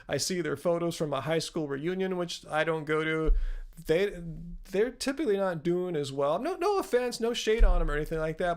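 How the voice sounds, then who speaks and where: A man in his fifties hosting a casual live-stream Q&A, chatty and rambling as he answers viewers' questions. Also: a little high. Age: 50s. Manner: chatty, rambling, self-correcting, laughs at own jokes. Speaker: channel host answering live chat.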